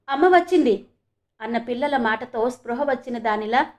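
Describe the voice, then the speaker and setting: Woman narrating a story expressively. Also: on the high side. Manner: expressive, emotional reading.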